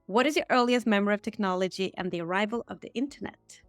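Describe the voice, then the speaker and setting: A woman hosting a podcast, reading set interview questions in a steady, bright tone. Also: medium pitch, fast, no room sound, soft background music. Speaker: podcast host. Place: Stockholm.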